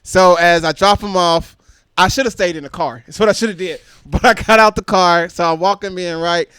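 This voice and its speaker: A man's voice: high voice, a little fast, smooth, no echo. A young man with a Southern US accent, co-hosting a comedy podcast and telling a story with a lot of laughter and slang. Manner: animated, laughs often, says "bro" and "type shit". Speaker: podcast co-host.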